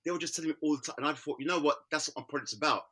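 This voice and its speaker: Middle-aged London man, an artist telling animated anecdotes at a brisk, bright clip. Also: on the high side, husky. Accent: London English. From Britain. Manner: animated storyteller, acts out quoted voices with laughter. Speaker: artist guest. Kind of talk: casual conversation.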